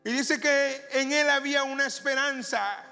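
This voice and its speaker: A male pastor preaching a sermon in a church, slow and emphatic, drawing out his phrases. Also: extremely high pitch, vocal fry, bright, forceful tone. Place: church sanctuary. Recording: reverberant church hall with music behind.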